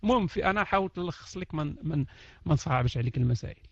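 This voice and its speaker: Fast-talking Moroccan man, high and animated. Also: no echo, highs cut off. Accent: Moroccan Arabic. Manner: animated, joking, laughs often. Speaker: online talk host. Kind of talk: casual chat to an online audience. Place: at home behind a PC. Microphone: computer mic.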